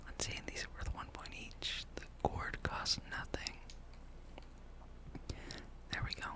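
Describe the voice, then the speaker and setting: Here a gaming host keeps to a breathy, soft whisper from start to finish, right up against the microphone. It's a laid-back ASMR ramble, thinking aloud through the game without any hurry.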